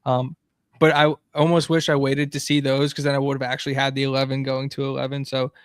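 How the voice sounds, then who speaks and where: Smooth-voiced man chatting about sports. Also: medium pitch, completely flat delivery, a little fast, no room sound, studio quality. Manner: chatty, rambling with fillers. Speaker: podcast co-host. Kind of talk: casual sports chat.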